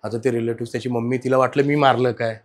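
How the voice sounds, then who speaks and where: A man telling a personal ghost story as a podcast guest, animated in a casual chat, his voice rising and falling as he goes. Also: medium pitch, rapid-fire. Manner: animated, swings loud and soft while telling the story.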